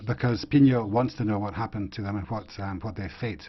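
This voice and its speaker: A man interprets parliament speeches in real time, his voice low and breathy. He speaks in a halting, measured way with frequent pauses. The audio is muffled like a dull broadcast feed.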